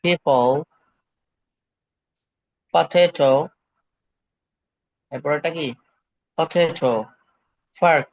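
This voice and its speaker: A man's voice: fairly high pitch, extremely slow, long pauses, dry recording. A male English teacher, leading an online pronunciation drill and patiently repeating words for students. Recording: dull lo-fi online call audio.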